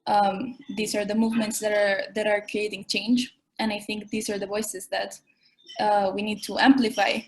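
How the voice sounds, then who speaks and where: A woman's voice: medium pitch, flat delivery, normal speed, rough recording. A woman, explaining her views as an activist guest in a panel discussion.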